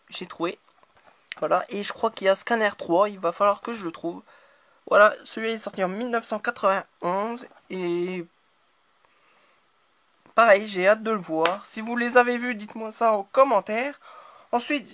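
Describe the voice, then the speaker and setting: A woman talks through her recent purchases in a relaxed, hesitant way, often pausing and circling back to find her words. Her voice sits at a middle pitch and sounds dry and close, with no room echo. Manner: hesitant, constant filler words. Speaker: channel host. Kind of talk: casual DVD haul talk to camera.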